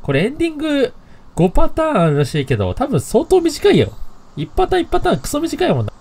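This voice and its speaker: A man's voice: very high-pitched, wildly swooping pitch, quick pace, vocal fry, a little mellow. A man playing a horror game, commenting casually, reading lines aloud and joking. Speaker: game streamer.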